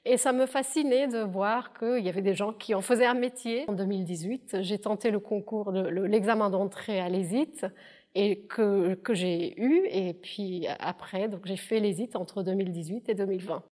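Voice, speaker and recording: A woman in her thirties from southern India, giving a thoughtful testimonial interview with many pauses and hesitations. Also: mid-range voice, darkish tone. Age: 30s. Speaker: interpreter and alumna.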